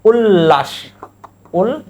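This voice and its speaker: The audio is dull in this recorded exam-prep lesson, where a male teacher with a Bangladeshi Bengali accent, a high voice, big pitch swings, and a dark tone drills pronunciation. He asks questions, repeats answers, and slowly breaks model words into syllables.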